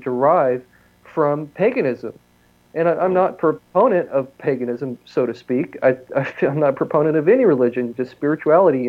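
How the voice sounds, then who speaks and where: A man's voice: mid-range voice, dull audio. A man co-hosting a live talk show, ranting in a rambling, profane, intense way. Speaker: podcast co-host.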